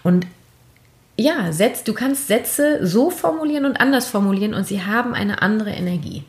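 A woman's voice: medium pitch, expressive, normal speed. German woman coaching in an echoey room. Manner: warm encouraging coaching, many "ja?" checks. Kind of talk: advice conversation.

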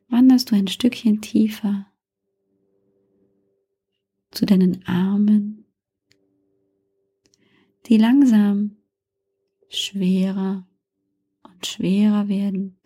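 A woman leads a guided relaxation in the manner of a sleep story narrator. Her voice is mellow and breathy, often sinking toward a whisper. She speaks very slowly and soothingly, leaving long pauses between gentle suggestions. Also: mid-range voice.

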